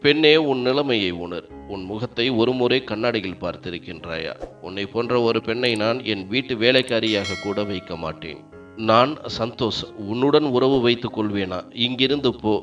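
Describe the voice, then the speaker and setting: A man's voice: lowish voice, lively intonation, moderate pace, a bit bright. A man voicing an arrogant young male boss who speaks with contempt and insists on his innocence. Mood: contemptuous. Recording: dull lo-fi sound, faint background music.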